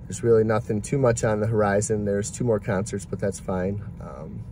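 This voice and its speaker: This lowish male voice keeps a steady tone and a normal pace against a noisy background. It belongs to a delivery driver vlogger in his forties, musing candidly and rambling from inside his car to a phone camera held at arm's length.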